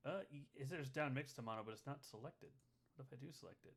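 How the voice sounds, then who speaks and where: A man on a casual podcast call, heard in the left ear only. He talks haltingly, pausing with filler sounds, over a plain computer mic. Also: mid-range voice, gravelly, a bit bright, slightly rough. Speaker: co-host.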